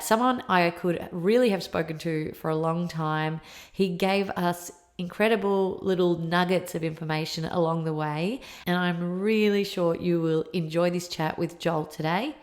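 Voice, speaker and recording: A woman with an Australian accent and a hoarse, croaky, husky voice, hosting a podcast with introductions and interview questions. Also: fairly low pitch. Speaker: podcast host.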